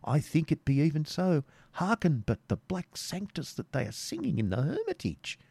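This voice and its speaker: A sly court jester whispers his mockery in a high, thin voice, put on by a man reading aloud. He sounds close and dry, with no room around him. His tone is wry and teasing, a storybook fool. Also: huge pitch swings, moderate pace, dark tone, husky, no room sound, exaggerated voice. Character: jesting male court fool, sly and mocking.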